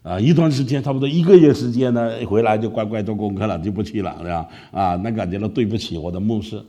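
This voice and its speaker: A man from Malaysia with a Malaysian Mandarin accent, telling a lively story as a preacher and often asking listeners "right?". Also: fairly low pitch, fast talker. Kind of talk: storytelling sermon.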